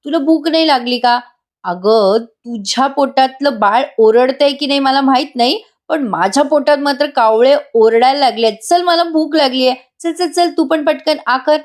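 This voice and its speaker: A woman's voice: high-pitched, moderate pace, pitched above the performer's own voice, lightly acted. A woman reading out a young man's lines as he comforts and teases his sister, affectionate and reassuring. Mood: playful.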